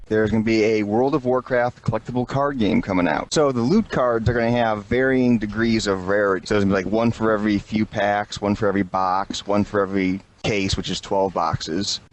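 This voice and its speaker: A man's voice: fairly low pitch, fairly even intonation, brisk, hardly any pauses. A man co-hosting a casual gaming podcast, plainly explaining a news item. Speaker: podcast co-host. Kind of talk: casual chat.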